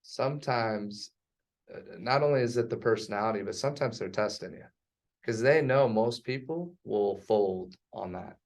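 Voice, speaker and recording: A man teaching a real estate sales class in an emphatic, teasing way. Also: mid-range voice.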